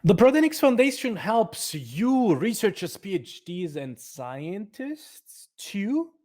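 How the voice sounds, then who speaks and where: A man's voice: sits high, a little mellow. A man presenting career advice for a nonprofit foundation, speaking emphatically with many fillers and restarts.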